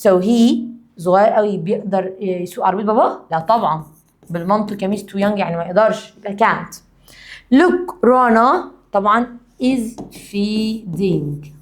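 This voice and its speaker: An Egyptian woman teaching a classroom grammar lesson in a voice of middling pitch for a woman. She explains at a brisk clip, then slows right down to read each English example word by word. Her Egyptian Arabic accent runs through the whole lesson.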